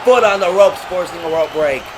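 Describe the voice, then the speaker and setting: A man's voice: sits high, fairly quick. A man working as a wrestling commentator, calling the action move by move with dramatic, exclamatory delivery. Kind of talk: excited play-by-play wrestling commentary. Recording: loud crowd and heavy arena noise. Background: noisy crowd.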